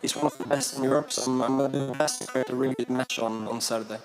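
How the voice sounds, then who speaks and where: Fast-talking upbeat man over music. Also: medium pitch, steady tone. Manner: upbeat, repeating "really". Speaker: athlete. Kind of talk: press conference remarks. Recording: music in the background.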